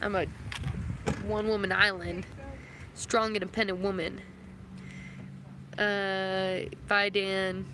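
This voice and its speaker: A young woman live-streaming from her phone outdoors, chatting casually and reading out comments, with plenty of fillers. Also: medium pitch. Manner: chatty, filler-heavy, reads chat comments aloud. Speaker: livestreamer. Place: outdoors near passing vehicles. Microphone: phone held close. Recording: phone recording with outdoor noise.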